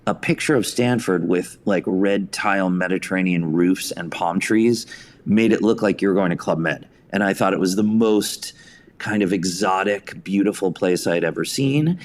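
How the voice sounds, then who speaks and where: He's an American theater writer and director in his fifties, from suburban New York, speaking as a podcast guest at normal speed with a low-sitting voice. His interview anecdotes come out in a self-deprecating, storytelling way.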